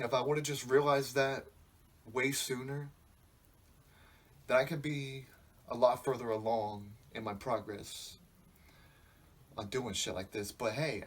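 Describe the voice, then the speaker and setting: Young guy in his 20s rambling on a podcast, swears a lot, thinking out loud. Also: mid-range voice. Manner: rambling, profane, reflective. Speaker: podcast host. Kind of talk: casual podcast monologue.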